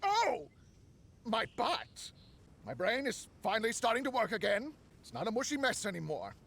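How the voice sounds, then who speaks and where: A drunk, unhinged researcher in a video game, giggling and rambling. His husky, gravelly voice creeps along slowly and leaps wildly up and down in pitch. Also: big pitch swings, a bit bright, exaggerated voice. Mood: dazed relief. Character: drunk crazed male researcher, cackling.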